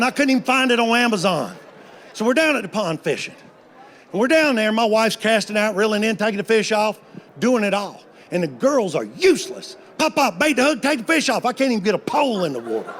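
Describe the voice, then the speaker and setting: Animated high-voiced comedian man. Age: 50s. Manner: folksy, drawling, playful punchlines. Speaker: stand-up comedian. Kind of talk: stand-up comedy storytelling.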